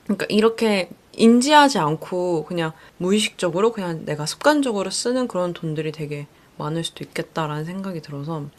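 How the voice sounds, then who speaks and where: A young woman hosting a casual podcast, chatting reflectively about a book she read and often acting out her own thoughts in lively voices. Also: low voice. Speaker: podcast host.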